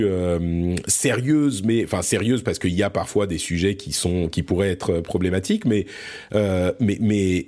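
Hosting his podcast, this man from France talks loosely about pop culture, often groping for words and beginning sentences again. He has a lowish, slightly rough voice with a somewhat mellow quality.

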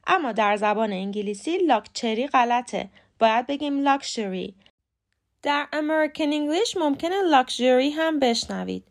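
A woman's voice: high voice, expressive. Woman teaching pronunciation. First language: Persian. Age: adult with a young son. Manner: clear, measured, spells words out letter by letter. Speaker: podcast host, English pronunciation teacher. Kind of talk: short scripted lesson.

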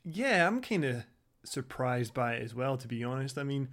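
A man's voice: mid-range voice, lively intonation, moderate pace, fairly bright tone. Informal man in his thirties, chatting. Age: 30s. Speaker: podcast co-host. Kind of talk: casual chat.

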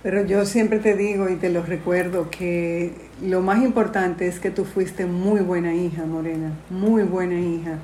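A woman host, gently comforting her guest. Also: on the low side, steady tone, unhurried, hardly any pauses, echoey room, a little hiss or hum. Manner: gentle and reassuring. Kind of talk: comforting interview talk.

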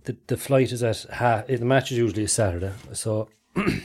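A man's voice: medium pitch, brisk, darkish tone, breathy edge. A man with a Cork Irish accent hosting a podcast, telling casual anecdotes in colloquial, sweary language. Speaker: podcast host.

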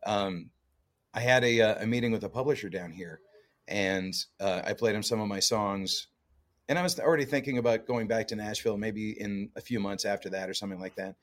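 Easygoing Canadian-raised man, lowish voice. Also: a little fast. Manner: easygoing, laughs often, many fillers and restarts. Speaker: guest musician. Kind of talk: casual interview chat.

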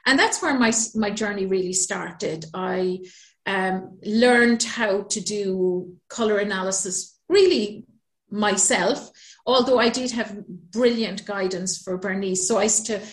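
A woman from Ireland with an Irish accent, a business mentor telling her story as a podcast guest in a chatty, lively way. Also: medium pitch, slow, roomy sound. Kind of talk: podcast interview.

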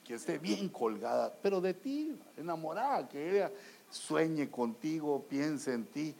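A man's voice: a little high, very animated, unhurried, gravelly, a little mellow, slight background noise. A man preaching a humorous sermon, joking and acting out little scenes as he talks to the congregation. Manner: addresses the congregation as brothers.

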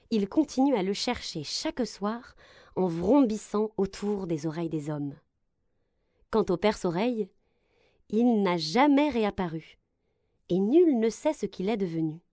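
Unhurried and leaving long pauses, a woman gently and expressively narrates a children's story, her pitch moving up and down considerably. The recording is close and dry, without any room echo.

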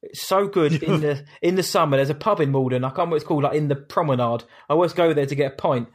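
A man's voice: fairly high pitch, racing. A man co-hosting a podcast in a laid-back, matey, rambling way. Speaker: podcast co-host. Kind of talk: casual podcast chat.

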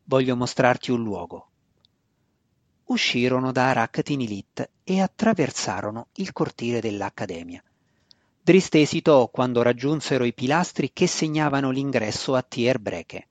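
A man reading a fantasy novel aloud as audiobook narrator, in a measured storytelling voice. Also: mid-range voice, animated, dry recording.

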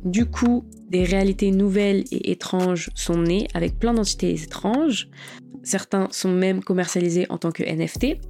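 A woman's voice: mid-range voice, normal speed, vocal fry, warm tone. Chill woman podcaster chatting loosely w/ slang and fillers, bit of music in the back. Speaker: podcast host. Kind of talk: casual podcast talk on digital art.

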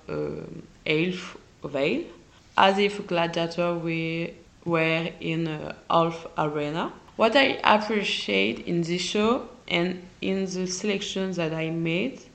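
Podcast host, woman, French accent, unhurried and hesitant delivery with some vocal fry. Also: fairly low pitch, poor audio. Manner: halting, searches for English words, self-correcting. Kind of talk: casual solo podcast talk.

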